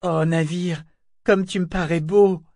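A man's voice: high voice, steady tone, measured pace, gravelly, mellow, dry recording, studio quality, pitched above the performer's own voice. A man reading aloud, voicing a fawning, falsely courteous young man with a honeyed manner. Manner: honeyed and oily.

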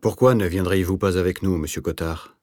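A man voicing a calm, patient, gently ironic middle-aged man in an audiobook. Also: deep voice, fairly quick, no echo, studio quality. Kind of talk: audiobook character voice.

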